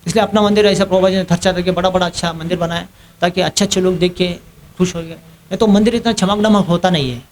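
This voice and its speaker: High-voiced man telling a temple story. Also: quick pace. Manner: animated storyteller acting out other people's quotes and laughing at his own story. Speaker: preacher giving a scripture class. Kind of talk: storytelling sermon. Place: temple hall.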